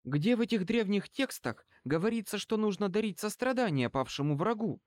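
A cold, scheming young female dark-side student with a cutting, contemptuous tongue, as a male narrator puts her on. The voice is lifted well above his usual pitch and stays dry and close. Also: lively intonation, normal speed, clean tone, no room sound. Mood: scornful, cutting.

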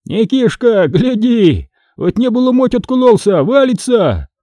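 A man voicing a bold, mocking blacksmith master held in chains, talking loud and scoffing. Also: sits high, very animated, normal speed, dry recording, studio quality, voice pushed up, full character voice. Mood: boisterous.

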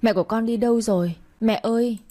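A woman's voice: a little high, steady tone, quick pace, dark tone, voice pushed up, lightly acted. A woman voicing a frightened five-year-old girl who pleads through tears. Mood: tearful pleading. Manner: pleading, tearful.

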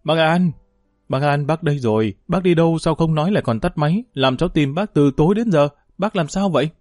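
A man's voice: fairly high pitch, expressive, fairly quick, a little mellow, dry recording, clean studio sound, lightly acted. A man voicing a worried young man who stammers anxiously, in a storybook reading.

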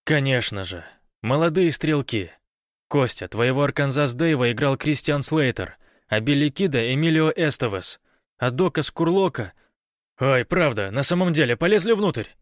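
A man lightly acts the part of an excitable, chatty soldier, pitching his voice above his natural register and sounding excited. He speaks at normal speed in a mid-range voice, recorded dry in a clean studio.

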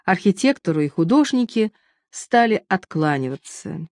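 A woman narrates a novel in an even, measured manner. Her voice sits a little low. The recording is dry and close, with no room sound. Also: no room sound. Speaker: audiobook reader. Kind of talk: scripted narration.

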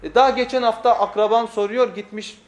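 A man's voice: very high-pitched, steady tone, brisk. A man preaching a weekly sermon lesson at a pulpit microphone, emphatic, repeating phrases and putting rhetorical questions to his listeners.

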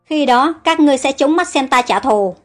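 Scheming royal villainess for an audio storybook, voiced by a woman narrator; high and spiteful. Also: expressive, a little fast, faint music behind. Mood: vengeful. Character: scheming wicked royal woman, mother of a would-be heir.

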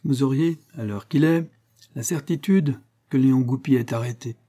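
A newspaper director haggles with unshakable calm and quiet mockery, as a man puts him on in an audiobook. The voice is lifted above the reader's own, with a mellow, husky tone. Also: mid-range voice, moderate pace, voice pushed up, close to an everyday voice. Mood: cool. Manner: imperturbably calm, businesslike and mocking. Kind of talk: audiobook character reading.

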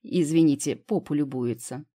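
A woman's voice: low voice, moderate pace, mellow. A woman reading the lines of a teasing, easygoing older brother who is a doctor, in an audiobook. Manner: joking, mocking, easygoing.

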